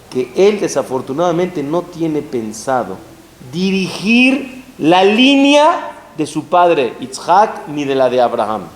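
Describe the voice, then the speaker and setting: A man's voice: fairly high pitch, a little mellow. A man giving a sermon as a rabbi to a live audience, telling stories with rising emphasis and rhetorical questions. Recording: roomy hall with faint hiss.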